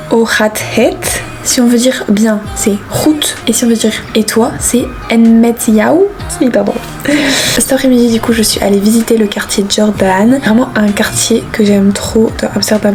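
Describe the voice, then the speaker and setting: A 19-year-old woman chatting casually to the camera as a vlogger, upbeat and chatty, showing her things as she talks. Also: on the high side. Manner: chatty and upbeat, lots of fillers, shows items to the camera. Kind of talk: casual vlog chat. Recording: music playing underneath.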